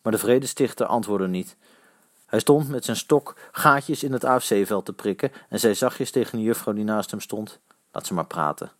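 A man reading a children's story aloud in a lively, expressive way. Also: lowish voice, normal speed, no room sound, clean studio sound. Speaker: narrator.

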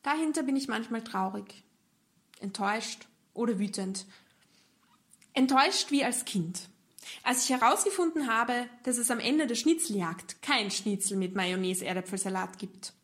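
Austrian woman cabaret artist, slightly high voice, playful scripted monologue. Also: moderate pace, a bit bright. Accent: Austrian German. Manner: playful, acts out joke voices.

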